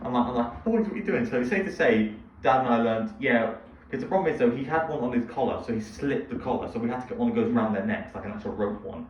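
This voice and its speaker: A young man co-hosts a podcast, talking fast in a medium-pitched voice. He chats casually, rambling through stories and laughing along the way. The recording sounds echoey, distant and dull, with a faint hiss.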